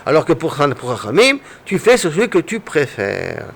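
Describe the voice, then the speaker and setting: Man teaching a Talmud lesson, higher voice. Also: wildly swooping pitch, moderate pace, vocal fry, a bit bright, slight background noise. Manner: explains step by step, asks rhetorical questions, checks with "d'accord?".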